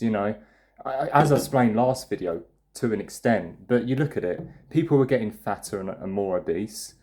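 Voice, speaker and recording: A man's voice: lowish voice, a little mellow. Blunt, swearing young man ranting. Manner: blunt, profane, rambling with restarts. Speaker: vlogger. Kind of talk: casual ranting monologue.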